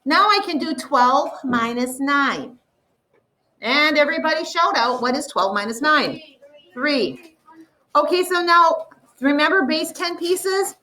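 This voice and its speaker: A woman teacher walks a class through a math problem at a slow, careful pace. Her voice sits high and clear, and she often draws a number out to let it sink in. The classroom mic picks her up from a few steps away. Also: bright, forceful tone, distant mic, rough recording. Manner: slow, deliberate explaining, drawing out numbers.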